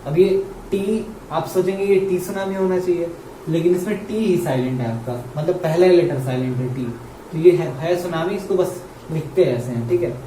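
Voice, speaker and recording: Male Hindi-speaking grammar teacher, Indian English accent, dark tone, quizzes the class, roomy echo. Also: fairly high pitch, normal speed. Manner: repeats key words and asks the class questions. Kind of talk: explaining grammar at a board in Hindi. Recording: roomy, mic far off, faint hum.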